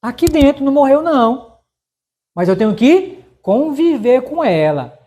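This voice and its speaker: A man's voice: extremely high pitch, very animated, normal speed, mellow. Man preaching a casual Bible study. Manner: folksy, addresses listeners as brothers with frequent tag questions. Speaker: missionary preacher. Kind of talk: conversational Bible study sermon. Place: church sanctuary.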